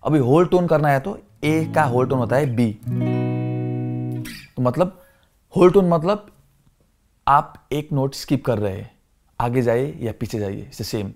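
A man's voice: mid-range voice, animated, a little slow, long pauses, darkish tone. A man teaching a beginner guitar lesson, switching between Hindi and English, often repeating and correcting himself. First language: not Hindi. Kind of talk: casual lesson explanation.

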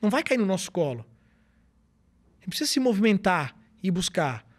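Male speaker, high voice, animated storyteller. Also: brisk. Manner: animated storytelling, acts out quoted dialogue. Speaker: guest speaker. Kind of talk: podcast interview.

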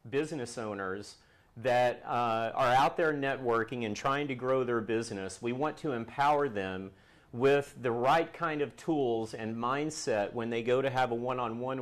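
A middle-aged man hosting a studio interview show, explaining at length with fillers, on a lapel mic. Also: medium pitch. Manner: friendly, rambling explanations with fillers. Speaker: talk show host. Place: TV studio set, seated in armchair.

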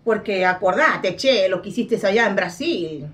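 A woman's voice: medium pitch, lively intonation, normal speed, a bit bright, distant mic, close to an everyday voice. A woman playing a brash female psychic who scolds and mocks in a dramatic comic card reading. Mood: scolding. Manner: scolding, dramatic, laughs at her own jabs.

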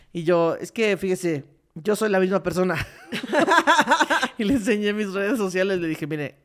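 A woman's voice: medium pitch, measured pace. A young Mexican woman co-hosting a podcast, telling a story in casual chat, acting out the other people's lines and laughing often. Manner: animated, acts out dialogue, laughs often. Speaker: podcast co-host.

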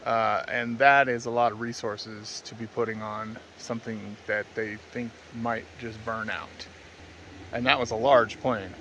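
Narrating his camping vlog at a forest campsite, a travel vlogger in his thirties talks casually and plainly, with hesitant pauses. His voice is medium in pitch and fairly bright. A handheld phone held at arm's length picks him up along with faint outdoor sounds.

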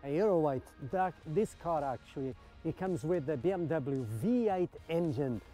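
A vlogger at a car meet speaks animatedly at a moderate pace in a slightly high voice with a dark tone, over soft background music, and the recording's highs are cut off. Strolling through an outdoor car park, he admires things and asks his viewers questions in a casual, eager way.

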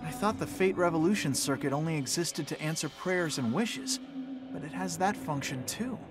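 A man's voice: fairly high pitch, lively intonation, moderate pace, over loud music, close to an everyday voice. A man playing a skeptical teenage boy in a video game, talking in a casual, wry, grumbling way. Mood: puzzled, accepting.

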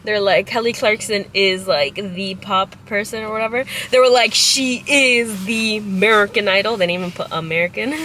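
A woman's voice: medium pitch, steady tone, moderate pace, few pauses, bright, forceful tone, poor audio. A young woman chatting casually in a car at night, telling stories in a rambling way full of likes, picked up by a dashboard camera. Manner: rambling storyteller, many likes. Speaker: guest. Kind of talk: casual chat. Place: inside a parked car at night. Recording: car with noise behind.

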